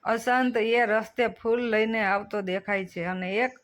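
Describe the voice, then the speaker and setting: A storyteller giving a steady, measured reading of a scripted short story. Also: medium pitch.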